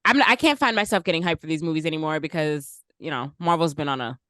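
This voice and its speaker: A young woman co-hosting a casual podcast, chatty and quick to laugh. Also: low-pitched, fairly bright tone, no echo, studio quality. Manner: chatty, laughs often, lots of "like". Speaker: podcast co-host. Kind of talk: casual chat.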